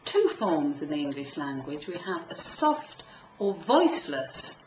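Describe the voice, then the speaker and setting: A woman's voice: sits low, sing-song, measured pace, darkish tone. A woman teaching a one-to-one pronunciation lesson, giving instructions, demonstrating sounds and prompting with questions. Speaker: elocution teacher. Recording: echoey room with faint background noise.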